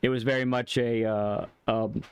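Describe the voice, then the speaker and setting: Clear-voiced man hosting a gaming stream. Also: medium pitch, level tone, normal speed, dry recording. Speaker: host of a gaming live stream. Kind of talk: casual live stream chat.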